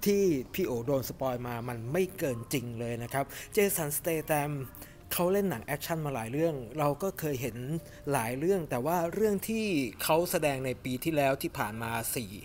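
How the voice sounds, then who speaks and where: A middle-aged man giving a casual, animated film review to camera in a cinema lobby, chatting with lots of fillers. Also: on the high side, fairly quick, slight background noise. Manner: chatty and animated, refers to himself by nickname, many fillers. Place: cinema lobby in front of a movie poster, indoors.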